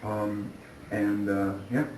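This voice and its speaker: A male priest explaining things in a relaxed, casual way, thinking aloud as he goes. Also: lowish voice, slow. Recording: echoey room, distant mic, faint noise.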